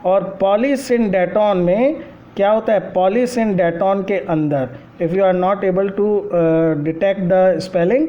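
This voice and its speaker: A man's voice: high-pitched, darkish tone, dull audio. A man teaching a literature lesson, explaining poetic devices step by step and switching often between Hindi and English. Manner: explanatory, addresses listeners as friends; mixes Hindi with English, many fillers. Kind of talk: lecture on poetry.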